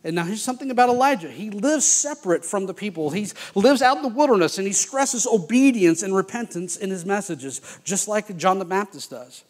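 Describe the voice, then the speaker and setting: A man preaching a sermon, telling Bible stories in a folksy, animated way with playful asides. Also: high voice, fairly quick, hardly any pauses. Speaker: pastor.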